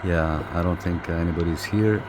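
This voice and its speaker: Thinking aloud over his work, a hobbyist gives a relaxed hands-on review full of hesitations and repeated phrases. His low-pitched voice stays steady at a moderate pace, with background noise clearly heard.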